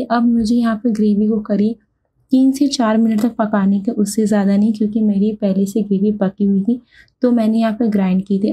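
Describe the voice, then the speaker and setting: A woman's voice: mid-range voice, warm tone, slightly rough, poor audio. A woman narrating a cooking tutorial, explaining each step in order and speaking directly to viewers. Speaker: cooking instructor.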